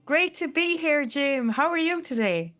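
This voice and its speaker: A woman's voice: high-pitched, animated, unhurried, fairly bright tone, faint music behind. An Irish woman, a storyteller and co-host, chatting casually in conversation. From Ireland.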